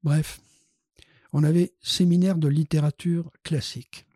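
An older man from France tells animated stories as an interview guest. He laughs often and hesitates with fillers, in a fairly high but mellow voice. The close mic gives a dry sound. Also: a little slow, slightly rough, no echo. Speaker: guest, dental surgeon. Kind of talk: casual storytelling interview.

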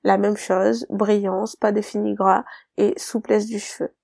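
A woman's voice: mid-range voice, level tone, measured pace, creaky, a little mellow, slightly rough, no room sound. A woman hairdresser hosting her own podcast, giving direct advice and pleading with emphatic repeats. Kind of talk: solo podcast advice monologue.

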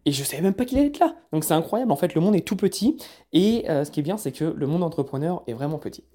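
A man's voice: fairly high pitch, animated, fast, warm tone. A man from France recapping events in a casual vlog, chatty, often stumbling and repeating words. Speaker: vlogger.

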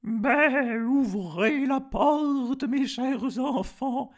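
A man faking a big bad wolf's sugary falsetto. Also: exaggerated voice. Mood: wheedling. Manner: slow, drawn-out, wheedling falsetto. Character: wolf faking a sweet mother goat voice.

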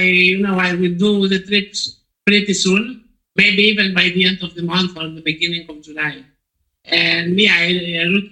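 A man's voice: sits high, sharp tone, rough recording. A man from Poland answering interview questions as a podcast guest, hesitant, with many restarts and fillers.

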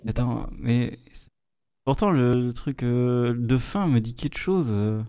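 A man's voice: medium pitch, expressive, slow, warm tone, clean tone. A man, chatting casually on a podcast, hesitant, with many fillers and restarts. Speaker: podcast co-host, guessing game contestant. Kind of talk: casual chat among friends.

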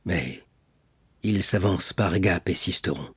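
A man reading an audiobook, voicing a frightened male minister of police who speaks in a hushed, faltering half-whisper. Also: sits low, takes it slowly, slightly rough, no echo, exaggerated voice. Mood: resigned.

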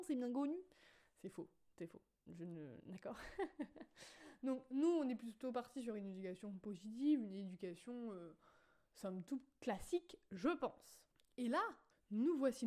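Chatty young woman with a higher voice. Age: young adult. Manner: chatty, animated and self-mocking, with sarcastic asides. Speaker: podcast host. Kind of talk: casual spontaneous podcast chat.

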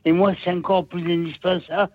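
A man in his sixties from Nîmes with a southern French accent, calling in to a radio show and talking in a rambling, halting way, repeating himself. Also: sits high, little pitch movement, no room sound. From Nîmes, southern France. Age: 60s. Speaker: caller. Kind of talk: call-in radio chat. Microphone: telephone. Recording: tinny phone line.

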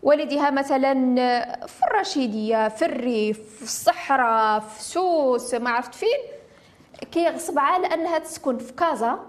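A woman's voice: high voice, lively intonation, a little fast. A woman with a Moroccan Arabic accent speaking in an impassioned discussion, emphatic and insistent, often piling up rhetorical questions. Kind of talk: impassioned discussion of family law.

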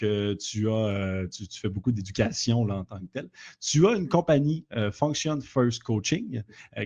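A man's voice: medium pitch, a little mellow, slightly rough. A man hosting a webinar interview, speaking with many fillers and restarts over a video call. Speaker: webinar host and company president. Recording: slightly dull lo-fi audio.

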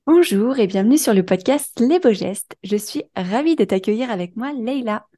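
A woman hosting a podcast, asking her guest friendly questions in a gentle, conversational way. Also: on the high side, expressive, moderate pace, faint music behind. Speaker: podcast host. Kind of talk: casual interview.

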